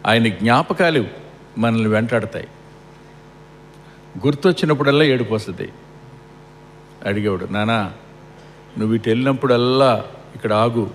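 A middle-aged man preaching a funeral sermon, asking rhetorical questions and repeating lines for emphasis. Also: medium pitch. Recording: long hall reverb with faint air-conditioning hum.

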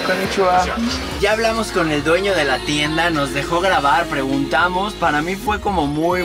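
A man, chatting excitedly to a handheld camera while traveling and walking. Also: high-pitched. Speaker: toy collector vlogger. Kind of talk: casual travel vlog. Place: train, streets and small toy shop.

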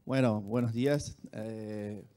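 A man from Brazil with a Brazilian accent, a native Portuguese speaker answering on a panel, haltingly searching for words. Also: fairly low pitch, steady tone, warm tone. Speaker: esports executive, panelist. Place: large auditorium stage, indoors. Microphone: handheld microphone.

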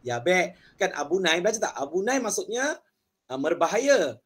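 A man with a Malaysian accent runs a lively online Japanese lesson, joking with students and drilling words over and over. His voice sits a bit high for a man. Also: moderate pace, breathy edge. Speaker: Japanese language teacher. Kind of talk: online language class.

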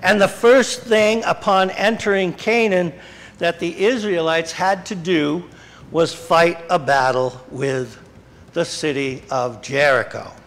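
A middle-aged man preaches from the pulpit of a small church at a slow, deliberate pace. His voice sits a touch high for a man, and he often stops to correct himself mid-sentence. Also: steady tone, a bit bright. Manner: slow, unhurried delivery with frequent self-corrections. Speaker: pastor. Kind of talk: sermon. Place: small church sanctuary, indoors.

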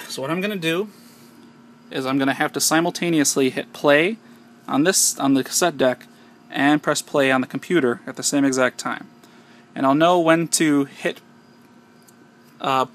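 Slightly high and a bit bright, the voice belongs to an American man from the United States who is explaining an unscripted hands-on tech project step by step. The recording comes from a handheld camera and has the noise typical of amateur audio.

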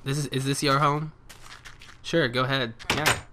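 This let's play features a man cracking jokes about his gameplay and talking to the creatures and mobs he meets. His medium-pitched voice stays steady at a normal speed, with some noise behind it.

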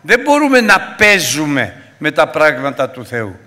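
A man preaching a Sunday sermon, fervent, swinging between loud exhortation and hushed asides. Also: fairly high pitch, wildly swooping pitch, long reverb tail.

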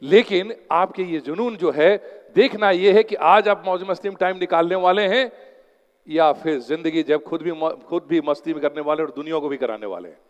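A man's voice: on the high side, moderate pace, lo-fi sound. A man giving a motivational seminar talk as an exam coach, telling stories and mixing English phrases into his Hindi. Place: lecture hall. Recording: long hall reverb.

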